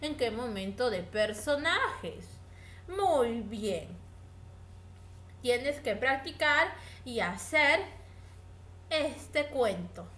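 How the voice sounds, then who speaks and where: A woman teacher giving a recorded reading lesson, speaking clearly and directly to her students. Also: on the high side, sing-song, a bit bright. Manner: slow, clear, instructive, addresses students directly. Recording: echoey room with faint ambient noise.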